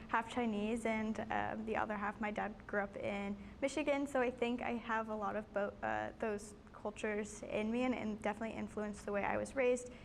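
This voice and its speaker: A nineteen-year-old woman from the United States giving relaxed, chatty interview answers, full of fillers. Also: mid-range voice, moderate pace, gravelly, few pauses. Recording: faint background noise.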